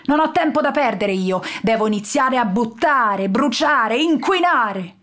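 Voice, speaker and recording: A woman voicing a big, pompous male villain lord who blusters and shouts threats. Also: a little high, expressive, unhurried. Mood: gloating.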